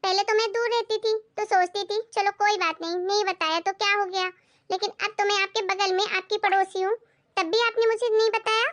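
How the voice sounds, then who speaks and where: A woman voicing a jealous grown daughter in an animated family skit, talking in a sharp, complaining way. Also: very high voice, brisk.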